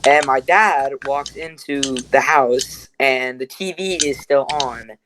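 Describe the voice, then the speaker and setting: A young man casually telling a story on a podcast, halting and restarting often. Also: mid-range voice, background noise. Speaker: podcast guest.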